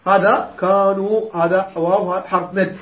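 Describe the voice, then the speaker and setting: A man teaching a Quran recitation lesson, chanting verses slowly and quizzing his students. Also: sits high, little pitch movement. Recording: roomy, dull lo-fi recording.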